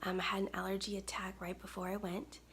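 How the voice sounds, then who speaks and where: A woman in her thirties who owns a makeup brand chats casually through a makeup tutorial, speaking close to a webcam in her indoor home studio. Her mid-range voice is soft, weak, breathy and a little gravelly, with a tired sound, and she talks fast in a flat way, soft-spoken and chatty with lots of ums. There is slight background noise.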